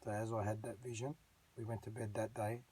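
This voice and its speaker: A man's voice: on the low side, little pitch movement, fairly quick, mellow, husky, low-quality recording. Earnest man telling a rambling testimony. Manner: earnest, rambling, with many fillers and restarts. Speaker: channel host giving his testimony. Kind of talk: personal religious testimony.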